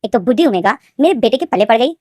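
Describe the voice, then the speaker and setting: A woman voicing a loud, scolding middle-aged mother in a retold story, her voice shrill and sharp. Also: animated, quick pace, no echo, clean studio sound. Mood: furious. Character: mother, furious then fawning, loud.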